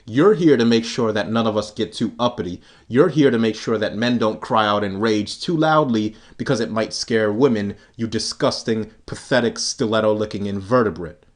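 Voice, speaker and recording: A man with a somewhat low voice delivers a scornful, sarcastic rant straight to his viewers. He mocks his targets with dry chuckles and drags out key phrases for emphasis. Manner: mocking, contemptuous, with scornful chuckles; emphatic, slows down for punchlines. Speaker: vlogger. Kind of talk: sarcastic ranting monologue.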